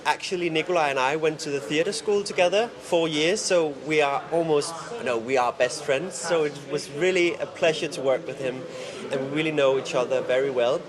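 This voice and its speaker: A man's voice: fairly high pitch, fairly quick, hardly any pauses. Hesitant man, crowd behind. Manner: searching for words, hesitant. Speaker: actor. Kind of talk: interview at a film festival.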